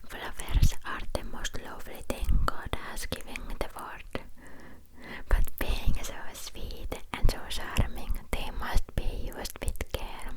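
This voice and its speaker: Slow, whispering woman reading ASMR. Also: rough recording. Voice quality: soft unvoiced whisper. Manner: whispering close to the ear, ear to ear. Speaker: ASMR host reading a book aloud. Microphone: close ear-to-ear ASMR microphone.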